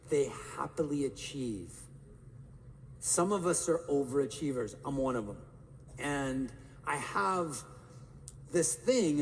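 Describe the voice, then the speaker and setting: Animated man speaking in a big hall. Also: on the high side, a little hiss or hum. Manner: animated, quizzes the crowd with questions. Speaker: motivational speaker. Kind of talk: live keynote talk to an audience. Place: large conference hall. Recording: live hall with long reverb.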